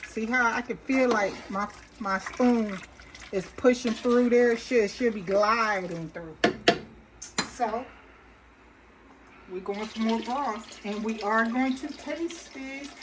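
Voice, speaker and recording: A woman's voice: fairly high pitch, takes it slowly, noisy background. A woman hosting a casual cooking demonstration, chatting to viewers in a homey way with lots of ums and restarts as she stirs a pot. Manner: talks to viewers while stirring and adding ingredients. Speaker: cooking channel host. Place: kitchen. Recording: kitchen clatter of pots and water.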